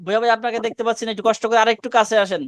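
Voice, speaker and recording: A man leads an online Quran recitation class over a video call, coaching students one by one. His voice sits high and moves at a fast clip. The sound is clear and dry, and he keeps correcting them with short, repeated commands. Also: flat delivery, no echo.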